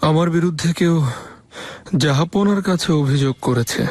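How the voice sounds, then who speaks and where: A man's voice: fairly high pitch, normal speed, darkish tone, no room sound, close to an everyday voice. A man dubbing a powerful grand vizier who questions his officials in a TV drama. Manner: commanding, interrogating. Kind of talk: dubbed TV drama. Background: music.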